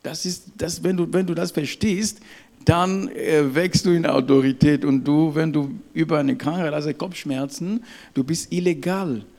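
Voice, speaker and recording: A man preaching a sermon to his congregation, emphatic and halting, often checking in with "ja?" and "Amen". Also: a little high, steady tone, darkish tone. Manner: halting, with restarts and fillers.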